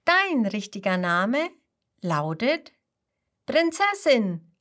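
A woman voicing a kind little male sheepdog in a children's story, speaking gently. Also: a little high, big pitch swings, very slow, pitched above the performer's own voice, exaggerated voice. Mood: gentle.

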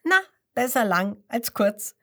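A woman puts on a cheeky puppet clown, high-pitched and boisterous, bouncing through his jokes in a children's storybook. His voice leaps up and down in lively swings. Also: slow pace, full character voice. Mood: jolly. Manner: loud, high and bouncy, joking. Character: cheeky hand puppet clown Kasper, male, jolly joker.

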